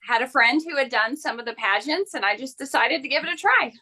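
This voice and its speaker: Woman, bright tone, higher voice, casual interview guest. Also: animated, fast talker. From Oklahoma, USA. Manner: friendly, laughs lightly between points. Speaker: pageant titleholder guest.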